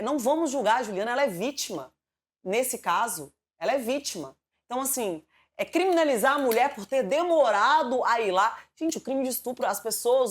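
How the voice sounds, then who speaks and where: A Brazilian woman commenting in a talk-show studio, speaking emphatically and addressing the audience directly. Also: a little high.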